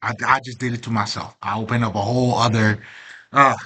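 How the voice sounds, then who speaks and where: Man, casual spiritual monologue host, rambling and slangy, bright tense tone, mid pitch. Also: fairly even intonation, fairly quick. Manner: rambling, streetwise, lots of slang and fillers; laughs often, openly emotional. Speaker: self-help channel host.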